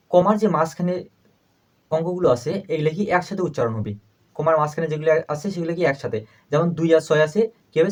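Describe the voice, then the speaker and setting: A man teaching a primary school math lesson, asking questions and answering them himself, repeating each number slowly as he writes. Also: a little high, a little mellow. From Bangladesh.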